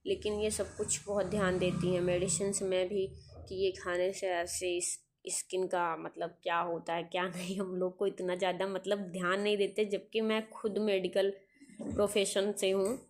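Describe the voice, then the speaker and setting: A young woman telling family stories in a casual home vlog, chatty and quick to laugh. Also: medium pitch, little pitch movement. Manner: chatty, giggly storytelling. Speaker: vlogger. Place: at a relative's home.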